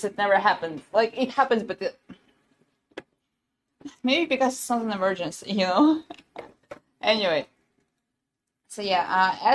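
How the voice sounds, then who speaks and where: Woman, casual live-stream pitch, giggly, chatty, learned later, mid pitch, light hiss. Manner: chatty, giggly, many fillers and restarts. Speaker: livestream seller.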